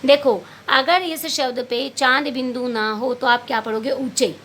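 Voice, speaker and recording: A woman's voice: high voice, fairly even intonation, unhurried, a bit bright, a little hiss or hum. A woman teacher explaining a Hindi workbook lesson to young pupils, patiently asking questions and answering them herself, calling them beta. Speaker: primary school teacher.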